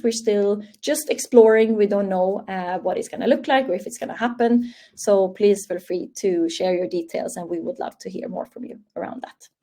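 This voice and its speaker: In a warm, medium-pitched voice, a young woman from Sweden presents a live online training webinar on a webcam call. English is her second language, and she has a Swedish accent. Friendly and upbeat, she reads audience answers out loud.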